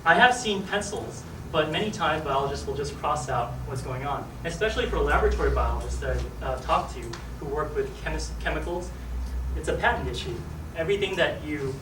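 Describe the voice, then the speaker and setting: A man's voice: on the high side, animated, fairly quick. A man answering questions at his academic thesis defense in a hesitant, hedging manner. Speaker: PhD candidate presenting thesis defense. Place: large room with an audience. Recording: echoey room, distant mic, clear background noise.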